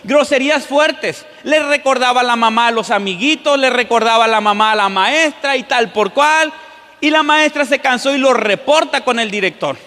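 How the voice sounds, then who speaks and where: A man's voice: extremely high pitch, normal speed, sharp tone. A man preaching a sermon as pastor in a church, often putting questions to the congregation. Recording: long church-hall reverb.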